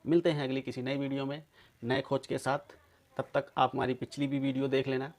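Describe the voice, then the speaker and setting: A man delivering a forceful, accusing monologue to his online viewers. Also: mid-range voice, little pitch movement, fairly quick. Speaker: video commentator.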